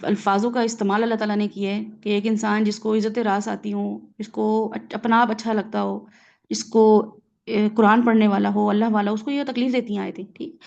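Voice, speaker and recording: A woman's voice: medium pitch, level tone, gravelly, darkish tone, highs cut off. A woman with a Pakistani Urdu accent teaching a Quran reflection lesson, explaining word by word, mixing in English words and often checking in with her listeners.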